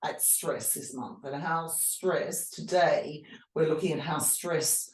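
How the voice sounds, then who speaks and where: The host of a mental health chat show, a woman, speaks slowly in a deep, steady voice while praising her interview guest effusively in conversation. The audio has a roomy echo, and she's positioned distant from the mic.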